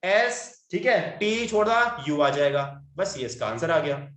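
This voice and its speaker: A man's voice: on the high side, expressive, a little slow, fairly bright tone, echoey room. A male teacher running an online tutoring class, patiently coaxing his students through each step and calling them "beta".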